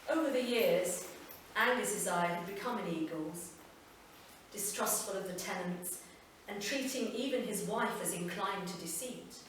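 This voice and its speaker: At a live festival reading, a woman with a mid-range voice reads a literary story aloud. The mic is far from her, placing her back in a very echoey room with faint ambient hum. She reads in a measured, unhurried way, letting her lines settle softly at the ends.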